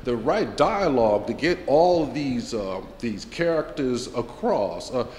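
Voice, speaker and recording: A man's voice: medium pitch, big pitch swings, a little slow, a little mellow, slight background noise. A man interviewing a filmmaker in a casual, playful way, stumbling over repeated words. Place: film festival venue. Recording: echoey hall with faint ambience.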